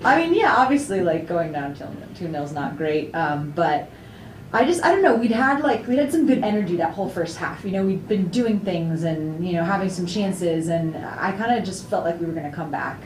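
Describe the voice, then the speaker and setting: A young woman, a soccer player, answering questions at a post-game press conference in a chatty, upbeat way, full of fillers and quick laughs. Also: lowish voice, animated. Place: indoor press room before a sponsor backdrop. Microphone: table mic on a stand, camera at a distance. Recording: echoey room, distant mic, faint noise.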